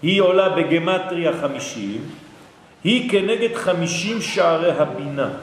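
Male Torah teacher, animated lecture delivery, keeps checking in with the class, roomy reverberant hall sound. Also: on the high side, slight background noise. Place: hall with an audience. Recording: echoey hall.

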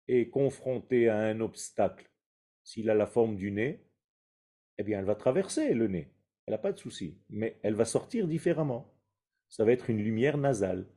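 A man teaches a Kabbalah lesson in a very dark, mellow voice with a husky edge. He speaks slowly and deliberately, posing rhetorical questions and weaving in Hebrew terms as he explains. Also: medium pitch. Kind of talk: spoken religious lesson.

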